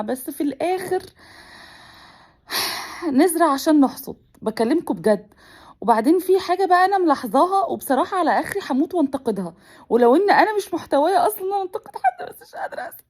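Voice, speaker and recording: A woman's voice: a little high, darkish tone. A mother with an Egyptian accent vlogging, tearful and pleading, crying on and off as she talks. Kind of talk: emotional personal vlog.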